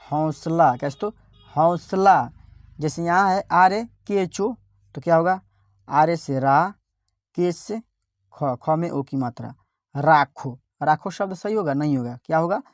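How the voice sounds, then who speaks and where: A woman teacher, giving an online spelling lesson, sounding out letters slowly and repeating each word. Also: sits low, dry recording, studio quality.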